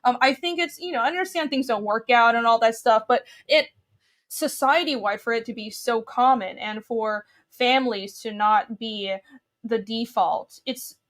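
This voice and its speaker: A woman's voice: on the high side, normal speed, fairly bright tone. A young woman from Taiwan, a guest on a casual podcast chat, talking earnestly and opinionatedly in long run-on thoughts.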